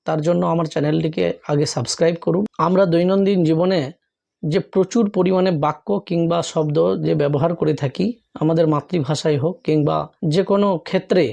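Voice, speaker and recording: A man with a Bengali accent teaching an English grammar lesson, spelling out syllables slowly letter by letter. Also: on the high side, gravelly, mellow.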